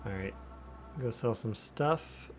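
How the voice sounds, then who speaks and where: A man's voice: medium pitch, animated, slow pace. Wry male streamer over game music. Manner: wry, sarcastic asides. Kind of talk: casual gameplay livestream commentary.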